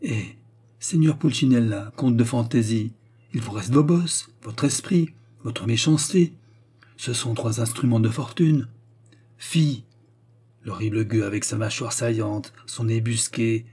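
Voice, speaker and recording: A man's voice: mid-range voice, measured pace, mellow, husky. A man voicing a crowd of courtiers sneering at a ruined man. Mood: mocking. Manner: sneering, mocking. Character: jeering mocking crowd of courtiers.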